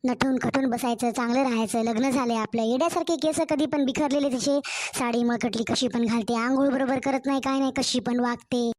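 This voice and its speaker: A woman voicing a complaining, sharp-tongued mother-in-law in a cartoon story, with a Marathwada Marathi accent. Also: a little high, fairly even intonation, a little fast, close to an everyday voice. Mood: scolding. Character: scolding nagging middle-aged mother-in-law.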